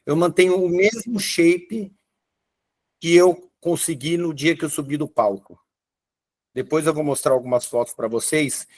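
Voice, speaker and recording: A man in his fifties teaching a live online fitness class, talking enthusiastically with frequent restarts. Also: fairly high pitch. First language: Portuguese. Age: 50s. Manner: enthusiastic, hesitant restarts, showing photos. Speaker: fitness coach.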